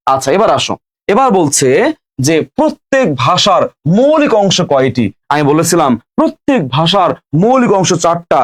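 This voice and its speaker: A man's voice: high-pitched, sing-song, moderate pace. A young man teaching a live online grammar class, repeating each question and answer as he quizzes students.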